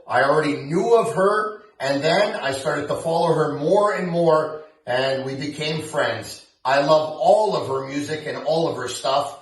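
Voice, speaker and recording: A man, a radio host, giving an earnest and grateful introduction for a charity show. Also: a little high. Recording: very echoey, distant from the mic.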